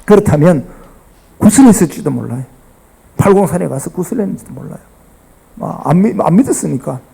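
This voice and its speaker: A man's voice: a little high, expressive, a little fast, vocal fry, dark tone, slightly rough, poor audio. A middle-aged man, a pastor with a Gyeongsang accent, preaching a sermon and dramatically acting out the people in the story. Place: church sanctuary.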